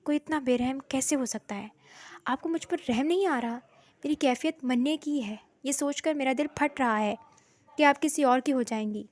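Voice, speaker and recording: A woman reading a storybook voicing an obsessive, lovesick young man who speaks in a stern, demanding way. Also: high voice. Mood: pleading.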